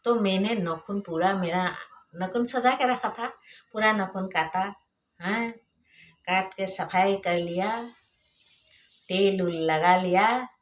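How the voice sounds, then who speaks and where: A woman with an Assamese accent whose first language is Assamese, recounting a personal story unhurriedly, filling pauses with hmm and haan. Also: medium pitch, a little hiss or hum. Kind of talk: personal anecdote.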